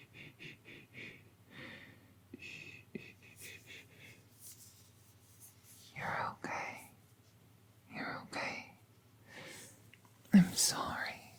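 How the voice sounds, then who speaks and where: At a medium pitch, a woman whispers breathily through an ASMR roleplay as a tender magical animal doctor. Her tone stays soothing and reassuring throughout.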